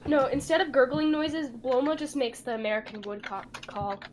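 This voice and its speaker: A woman's voice: high voice, moderate pace, crowd noise. A woman chatting casually and playfully as a player in a tabletop game.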